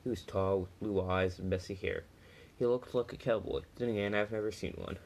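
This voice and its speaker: A man's voice: fairly low pitch, steady tone, a little fast, a little mellow, poor audio. A man reading a first-person story aloud, plainly, with small slips and restarts.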